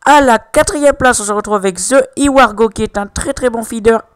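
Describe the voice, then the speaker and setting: A young man putting on a mock Chinese accent to announce gaming highlights, slow and drawn-out. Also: smooth, no room sound. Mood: hyped announcing. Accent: put-on Chinese accent over French. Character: excitable male game-clip commentator with a mock Chinese accent. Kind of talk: gameplay highlight commentary.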